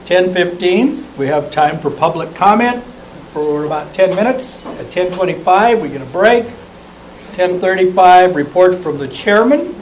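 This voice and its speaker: Man, board member, reading an agenda aloud, steady, high voice. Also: a little slow, slight background noise, rough recording. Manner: plain, steady reading with small asides.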